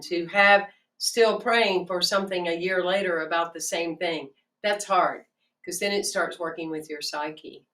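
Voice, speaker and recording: A woman minister giving a sermon in a gentle, measured, halting way. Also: on the low side. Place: church sanctuary. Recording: distant mic with faint music.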